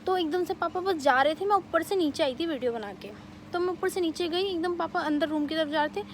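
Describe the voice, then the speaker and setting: A young woman vlogger telling a family story in a casual, animated way, with many fillers. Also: very high voice, a little hiss or hum. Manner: animated retelling, quick bursts, many fillers.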